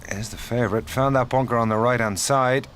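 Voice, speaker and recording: A man's voice: medium pitch, steady tone, brisk, fairly bright tone. A man giving commentary at a golf tournament. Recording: clear outdoor ambient noise.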